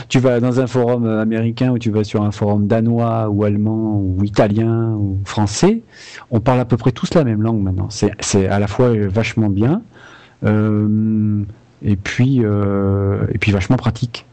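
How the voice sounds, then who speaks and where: A man's voice: lowish voice, dark tone. A man, a video game composer, talking frankly and casually in an interview, with many restarts.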